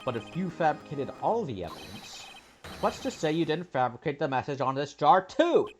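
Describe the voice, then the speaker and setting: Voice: medium pitch, big pitch swings, normal speed, soft background music, natural voice. A person voicing an earnest, incredulous young male defence lawyer in a video game. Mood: pressing, suspicious.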